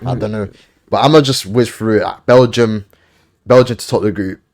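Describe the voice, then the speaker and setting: A man hosting a casual football podcast, briskly running through lists and giving offhand opinions. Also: lowish voice, a little mellow. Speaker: podcast host.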